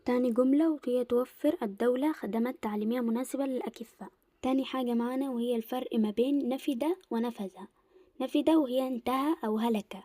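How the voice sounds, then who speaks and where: A young woman with an Egyptian Arabic accent teaching an Arabic lesson in a casual explanatory way, slowing down to stress word pairs. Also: a little high, mellow, no room sound, clean studio sound.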